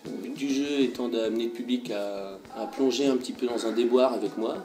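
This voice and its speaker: A man talking casually in an interview about his show, pausing often with fillers. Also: mid-range voice. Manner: relaxed, halting with fillers. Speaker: performer interviewee. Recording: roomy, distant mic with music.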